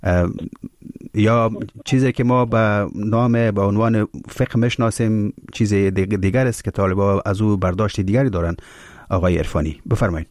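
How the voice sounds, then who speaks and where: Low-voiced radio host. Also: male voice, fairly even intonation, darkish tone, no room sound, clean studio sound. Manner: polite, probing, with drawn-out filler sounds. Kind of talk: radio interview questions.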